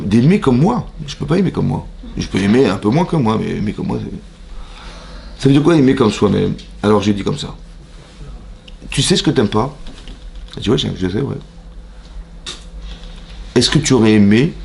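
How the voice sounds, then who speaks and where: A man, a rabbi, giving a lively class to his congregation. He fires rhetorical questions at the listeners, acts out both sides of imagined conversations and drops Hebrew religious terms into his French. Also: lowish voice, moderate pace, vocal fry, long pauses, slight background noise. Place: synagogue classroom.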